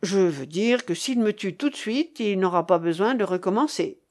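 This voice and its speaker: Woman reading fierce gruff marquis, curt, commanding, lively pitch. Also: moderate pace, lightly acted. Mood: gruff insistent.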